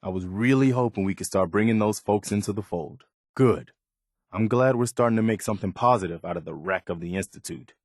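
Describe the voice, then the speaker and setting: Voicing a principled young soldier who serves as a loyal video game companion, a male actor speaks with a fairly low, dry, close voice near his everyday one. His delivery is brisk, relaxed, sincere, plainspoken and slightly weary, like ordinary conversation, with no room sound.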